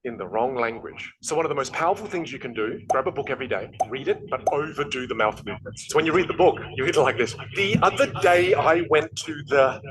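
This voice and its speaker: Energetic man coaching on accents. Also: medium pitch, fast, hardly any pauses, noisy background. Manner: energetic, emphatic explaining. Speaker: speaking coach. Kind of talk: motivational teaching talk.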